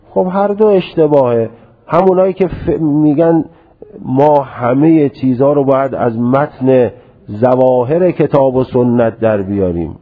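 A man giving a religious lecture, reasoning deliberately and often stressing and repeating his point. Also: medium pitch. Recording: tinny lo-fi radio broadcast.

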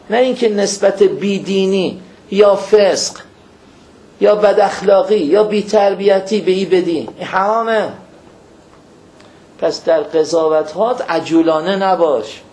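Gravelly, animated man giving a religious lecture. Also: a little high, poor audio. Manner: animated storytelling, addresses listeners as believers. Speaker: cleric lecturing believers.

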